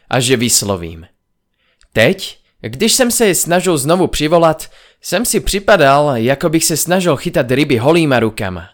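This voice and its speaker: A man reading a first-person audiobook aloud in a dramatic, expressive style. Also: on the high side. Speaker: audiobook narrator.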